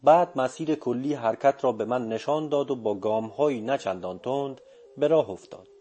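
A man narrating a story in a calm, measured reading voice. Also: medium pitch, husky. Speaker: audiobook narrator. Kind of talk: scripted narration.

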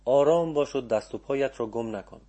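A man reading as a hushed old sorcerer. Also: mid-range voice, lightly acted. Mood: hushed urging. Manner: hushed, quiet instructions. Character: old male sorcerer, calm, watchful and commanding. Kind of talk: audiobook reading.

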